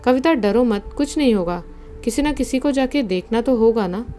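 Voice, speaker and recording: A woman reading the lines of a young man in a horror story, who is scared but keeps trying to reassure the others, in her own dark voice. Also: a little high, lively intonation, moderate pace, soft background music, lightly acted. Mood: reassuring.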